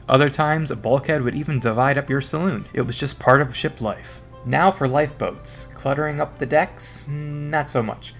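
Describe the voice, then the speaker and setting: A man's voice: mid-range voice, fairly bright tone. A man narrating a scripted history lesson in an informal, wry and sarcastic way. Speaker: history educator.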